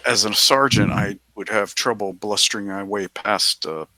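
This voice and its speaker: A man's voice: on the low side, steady tone, normal speed, bright, forceful tone, dry recording. A man playing a tabletop game, earnestly talking through a plan. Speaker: player. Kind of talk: casual tabletop chat.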